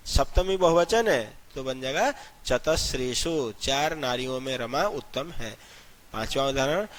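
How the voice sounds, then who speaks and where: A man with a somewhat high-pitched voice teaches a school grammar lesson, calling his students "children". He explains each form step by step and recites long lists of number words one after another. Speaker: Sanskrit teacher. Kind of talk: classroom-style grammar lesson.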